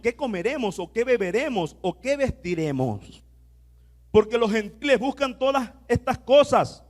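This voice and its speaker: A male pastor preaching a sermon, leading the congregation in repeating phrases and moving between soft asides and loud declarations. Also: high voice. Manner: exhorting, has the congregation repeat phrases aloud. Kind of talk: sermon with call-and-response.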